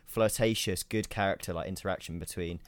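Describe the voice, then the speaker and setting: Young guy with a really deep voice, excited chat, dry mic. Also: a little fast, no room sound. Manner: enthusiastic, hesitant, repeats himself. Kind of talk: casual chat.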